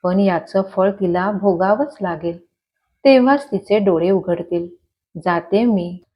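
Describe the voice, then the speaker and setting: A woman's voice: medium pitch, slow pace, mellow, natural voice. Woman doing a bitter poor old woman. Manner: scolding, bitter.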